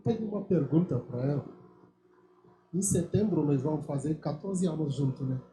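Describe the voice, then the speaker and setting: A man's voice: fairly high pitch, moderate pace, mellow. A man in his forties from Africa, teasing and joking in a casual chat. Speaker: guest, husband. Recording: roomy echo, off mic.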